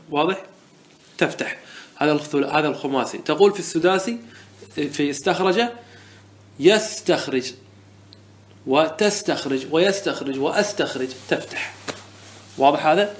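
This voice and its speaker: Sheikh teaching a grammar class, man, slightly high voice, asks and answers his own questions. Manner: asks questions and answers them himself, repeats examples. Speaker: sheikh teaching Arabic morphology. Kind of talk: classroom lesson explaining verse text.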